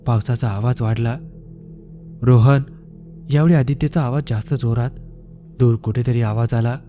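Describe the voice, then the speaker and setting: A male storyteller narrating a scripted horror tale at a slow, suspenseful pace. His tone is very dark and warm, at an ordinary pitch for a man. Soft music plays faintly behind him.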